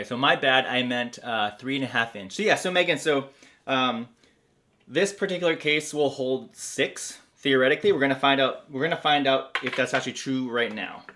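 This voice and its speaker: A man's voice: mid-range voice, fairly bright tone. A man hosting a livestream in a casual, rambling way, full of fillers, reading viewer comments aloud. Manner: rambling, many fillers, reads chat aloud. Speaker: livestream host.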